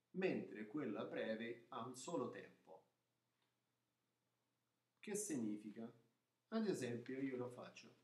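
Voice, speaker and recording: A man teaching the alphabet and vowels in an informal lesson, often checking understanding with a quick "ok?" and restarting words. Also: medium pitch, darkish tone. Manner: repeats "ok?" to check understanding, some false starts. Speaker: Arabic teacher. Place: room, writing on paper at a table. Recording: echoey room, voice somewhat far from mic.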